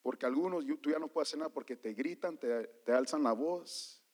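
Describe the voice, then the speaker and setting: A man preaching a sermon as a pastor, switching between Spanish and English and calling out to the congregation, quiet one moment and shouting the next. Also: fairly high pitch, a little fast. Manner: swings from quiet to loud, shouting at peaks. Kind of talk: bilingual sermon. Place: church.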